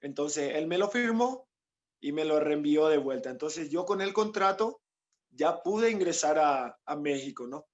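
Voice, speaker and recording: A Paraguayan footballer tells his story in an interview, slightly high-voiced and rambling, with many tag questions. The sound is muffled and lo-fi, like a call recording. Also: expressive, unhurried. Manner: rambling, quotes others, frequent "¿no?" tags. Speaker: footballer guest.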